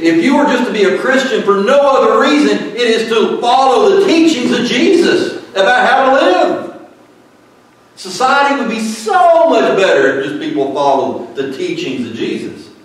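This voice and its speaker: A man preaching a sermon and reading scripture aloud, emphatic and deliberate, with short asides to the congregation. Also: high-pitched. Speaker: pastor. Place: church sanctuary. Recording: echoey hall, mic at a distance.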